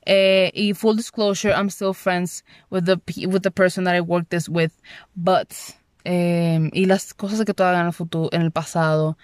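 A woman telling a story casually, animated and sarcastic, switching between Spanish and English. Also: fairly low pitch, unhurried, smooth, no room sound, clean studio sound. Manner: exasperated, sarcastic asides. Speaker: university student.

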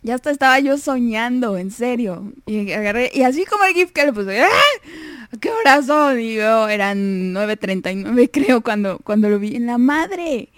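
A woman's voice: on the high side, lively intonation, moderate pace, few pauses, dry recording. A young woman with a Mexican Spanish accent hosting a casual radio show, chatty and self-deprecating, laughing often.

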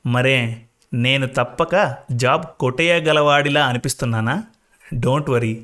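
A man voicing a calm, self-assured young male job candidate who speaks casually and easily. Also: medium pitch, measured pace, lightly acted. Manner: easygoing, casual with English words.

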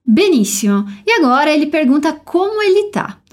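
Woman, Brazilian Portuguese accent, high voice, podcast language teacher, upbeat, encouraging, models pronunciation slowly. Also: very animated.

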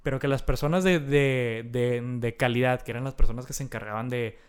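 Fast-talking young Mexican man. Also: medium pitch, fairly even intonation, clear, resonant tone. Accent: Mexican Spanish. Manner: fast, slangy, acts out past exchanges. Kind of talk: casual chat.

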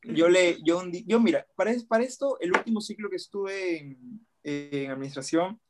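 Easygoing young man with a fairly high voice. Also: moderate pace, background noise. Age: young adult. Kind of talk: casual chat.

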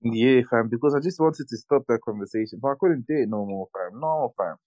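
A young man with a London roadman accent, talking in a slangy, animated way as a podcast co-host in casual banter and storytelling. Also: medium pitch, brisk, no echo, lo-fi sound. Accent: London, urban roadman slang.

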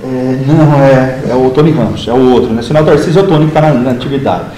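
This Brazilian man from inland São Paulo state, a literature teacher in his fifties, talks fast at a medium pitch. Telling stories animatedly in a casual interview, he acts out conversations using other voices, and the room has a roomy echo.

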